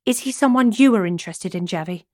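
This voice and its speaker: A woman's voice: medium pitch, animated, fast talker, darkish tone, no room sound, clean studio sound, lightly acted. A woman voicing a playful, flirtatious female amateur sleuth in a cozy mystery audiobook. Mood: casual, curious.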